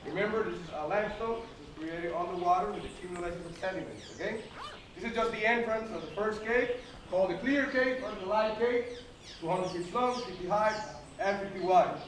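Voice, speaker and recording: A high-pitched male tour guide addresses his group inside a cave. His voice echoes heavily and reaches the mic from a distance, over clear background noise. He explains point by point, often checking that people follow. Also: brisk.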